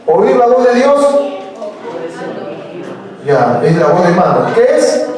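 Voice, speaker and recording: A man's voice: high voice, very animated, takes it slowly, a little mellow, far from the mic. A man preaching a sermon as pastor, asking the congregation questions, repeating phrases for emphasis and prompting them to say lines back. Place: church hall. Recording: roomy church sound, voice heard from off the mic.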